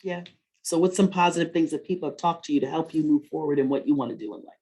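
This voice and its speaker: This story time host speaks quickly, her slightly low-pitched voice carrying a dark tone. She addresses the children conversationally, encouraging them like a teacher, checking in with questions and repeating their replies.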